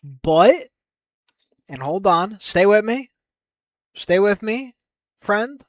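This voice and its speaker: A young man streaming his game development, thinking aloud in an excitable, casual way and swearing now and then. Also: high-pitched, very slow, dry recording. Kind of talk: casual live-stream brainstorming.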